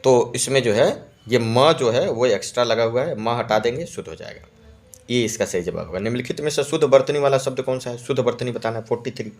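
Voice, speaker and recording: A male teacher talks through a practice test, answer by answer. He repeats each key word and keeps checking his listeners are following. His voice sits at an ordinary middle pitch. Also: fast. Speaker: Hindi exam-prep teacher.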